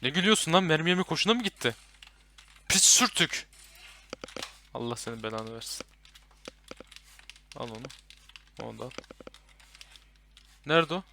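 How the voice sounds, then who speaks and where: A young man playing a horror game with a friend, commenting and swearing loudly at the enemies. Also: medium pitch, expressive, brisk, gravelly, pauses often, slight background noise. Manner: loud, swearing, yelling at enemies. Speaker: gaming YouTuber.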